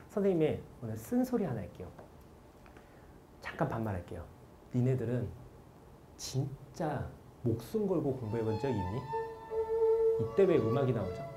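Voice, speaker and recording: A man in his forties giving a lively motivational lecture on study methods to students, telling stories and asking the audience questions. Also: mid-range voice, a little hiss or hum. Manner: animated storytelling, quotes people, asks the audience questions.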